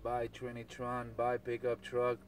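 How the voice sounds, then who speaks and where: Chanting call signs and repeated phrases, a man talks over CB radio in a completely flat mid-range voice, a little slow. He's the radio operator, and the noisy transmission puts him partly far from the microphone.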